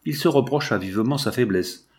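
A man reading a classic novel aloud in measured literary narration. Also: medium pitch, animated, a little mellow.

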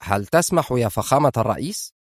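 A man voicing a smooth, fawning and cunning male spy in an audiobook, polite and insistent. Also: medium pitch, expressive, fast talker, no echo, clean studio sound, lightly acted. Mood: sly, insistent. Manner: ingratiating and cunning. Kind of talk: audiobook character voice.

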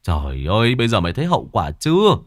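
A male narrator voicing a gruff, hot-tempered older brother who scolds bluntly in a ghost story. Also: lowish voice, big pitch swings, a little slow, fairly bright tone, no echo, studio quality. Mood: angry scolding.

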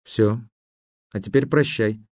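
A man's voice: lowish voice, takes it slowly, a little mellow, no echo, clean studio sound. A man reading the part of a hurt young woman who answers in short, subdued replies. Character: young woman, quietly hurt, turning fierce.

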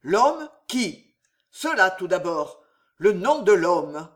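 A man's voice: high-pitched, big pitch swings, slow, fairly bright tone, heavily acted. A man voicing an anguished young nobleman who commands his brother to tell the truth, in a storybook reading. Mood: demanding. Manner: commanding, tormented.

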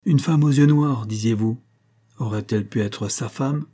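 A sly, fawning simpleton murmurs his insinuations in a slightly raised, husky voice, as a man puts him on. Servile and creeping in manner. Storybook reading. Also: mid-range voice, moderate pace, mellow, close to an everyday voice. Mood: insinuating. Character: sly, servile male village simpleton, muttering informer.

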